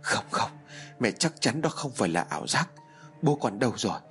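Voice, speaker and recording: A man's voice: mid-range voice, big pitch swings, normal speed, fairly bright tone, soft background music. A man voicing a terrified middle-aged village mother who pleads frantically through sobs. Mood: terrified sobbing.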